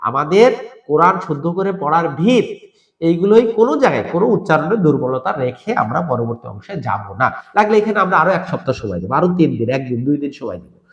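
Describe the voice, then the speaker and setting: A man from Bangladesh teaching Quran reading, asking and answering his own questions in an energetic recorded lesson with spoken drills. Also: fairly high pitch, reverberant, muffled recording.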